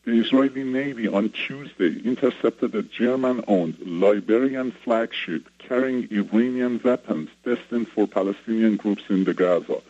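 A man from Iran, a radio show guest whose voice runs through a voice changer to hide who he is, giving a steady report-like briefing. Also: lowish voice, moderate pace, few pauses, dry recording. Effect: voice changer disguising his voice. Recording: dull lo-fi radio broadcast.

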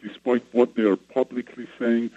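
A man from Iran, a radio show guest whose voice runs through a voice changer to hide who he is, giving a steady report-like briefing. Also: mid-range voice, normal speed, dry recording. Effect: voice changer disguising his voice. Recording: dull lo-fi radio broadcast.

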